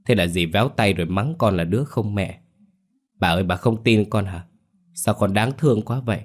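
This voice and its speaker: Brief: spoiled sly little boy, tearful whine, audio story, voiced by a man in a low voice. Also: moderate pace, natural voice. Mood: whining. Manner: tearful, whining.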